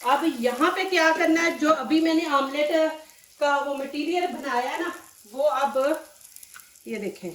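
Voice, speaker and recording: Walking viewers through each stage of a dish in her home kitchen, this cooking channel host is chatty and instructive, often saying "see this," despite a sore, dry throat. Her voice is high-pitched and a bit bright at a measured pace. The room is echoey, the mic sits at a distance, and there's a little hiss or hum.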